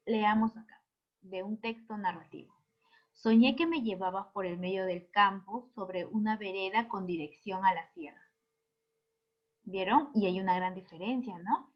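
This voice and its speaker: A woman teacher giving a literature lesson, patiently explaining and often checking in with her students. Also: medium pitch. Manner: patient, keeps asking "¿no?" and "¿verdad?"; reads verses aloud with extra intonation. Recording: slightly dull lo-fi audio.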